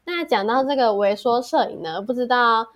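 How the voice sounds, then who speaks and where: A woman's voice: a little high, normal speed. A woman with a Taiwanese Mandarin accent co-hosting a podcast in casual conversation. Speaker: podcast co-host.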